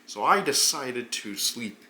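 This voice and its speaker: A man voicing a pompous, gravelly hobgoblin who sees himself as a hero and formally recounts his tabletop fantasy adventure, drawing out his words. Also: medium pitch, expressive, bright, forceful tone, a little hiss or hum, full character voice. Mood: self-important, puzzled. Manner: pompous, deliberate, formal storytelling with drawn-out words. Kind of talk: in-character tabletop adventure narration.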